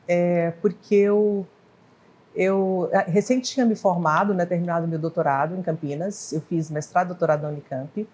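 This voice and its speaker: On a rough recording, a mellow, fairly low female voice belongs to a pharmacy professor in her fifties from Goiás or northwest Minas Gerais, Brazil. Interviewed for an oral history about her life, she meanders and hesitates, restarting and correcting herself while laughing lightly at her errors.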